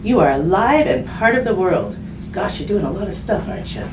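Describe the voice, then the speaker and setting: A woman with a mid-range voice reads a picture book to children, animated and fairly quick. She keeps it conversational, using simple phrasing, tag questions and casual asides. The mic is distant, so the sound is roomy with background noise.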